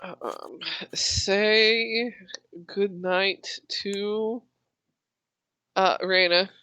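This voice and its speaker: A game master with a very bright, mid-pitched voice. The talk is casual and unhurried tabletop chat, recorded dry and close. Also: steady tone, clear, resonant tone, no echo.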